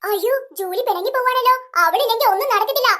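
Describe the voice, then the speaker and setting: A woman's voice: very high voice, fast, bright, forceful tone. A woman voicing a jealous, scheming girl in a cartoon who plots to herself. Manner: plotting, muttering to herself. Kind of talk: cartoon voice acting.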